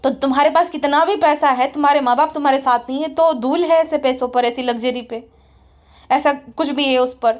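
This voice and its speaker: A woman's voice: high voice, steady tone, fairly quick. A woman doing a casual commentary vlog, blunt and scornful, lecturing her viewers. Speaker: YouTube commentator.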